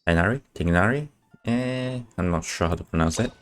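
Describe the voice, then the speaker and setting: Faint game music plays while a male streamer gives loose, unscripted commentary on his gameplay, mostly muttering to himself. His voice sits low and moves a little fast.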